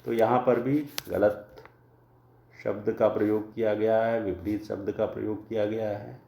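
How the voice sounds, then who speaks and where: A man lecturing on grammar at an unhurried, measured pace, his low voice gravelly and dark. He works carefully through one example after another, and the sound carries a roomy echo. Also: level tone. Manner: slow, deliberate explaining with examples. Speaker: Hindi grammar teacher. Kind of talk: classroom lecture.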